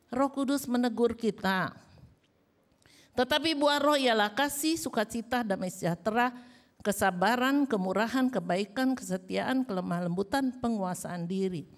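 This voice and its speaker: A woman pastor with an Indonesian accent preaching a sermon, telling lively stories and acting out the dialogue. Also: high voice. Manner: lively storytelling, acts out dialogue.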